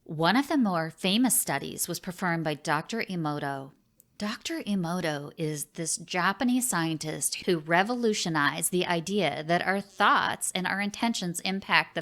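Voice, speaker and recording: A woman presenting a spiritual self-help lesson in a deliberate, earnest manner, stressing key phrases as a teacher would. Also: lowish voice, fairly bright tone.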